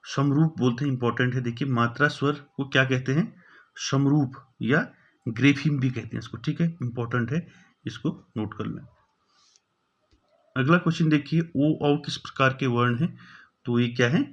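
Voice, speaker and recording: A man at a middle pitch leads an exam-prep grammar lesson, reading out each question, asking it again and answering it himself. He leans on a steady "okay" between points. The sound is slightly dull and lo-fi. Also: normal speed. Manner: repeats each question, fills with "thik hai". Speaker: teacher.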